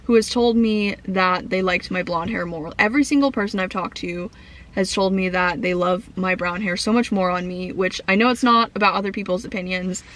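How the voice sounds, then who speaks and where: Speaking straight to her camera, this young adult vlogger rambles loosely with plenty of fillers and restarts, sounding casual and at home. Her fairly low, steady voice is a bit bright and fairly quick, though croaky from a cough that hasn't cleared.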